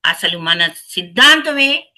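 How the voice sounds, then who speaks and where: A woman's voice: medium pitch, sing-song, takes it slowly, bright, forceful tone. A woman giving a spiritual talk as a meditation teacher, who asks her listeners rhetorical questions and repeats phrases for emphasis. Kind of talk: spiritual discourse.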